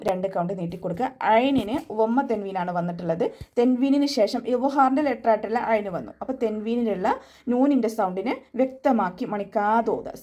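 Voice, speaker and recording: Patient woman teaching recitation online. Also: medium pitch. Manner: patient, step-by-step explanations with soft reminders. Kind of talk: online tajweed class instruction.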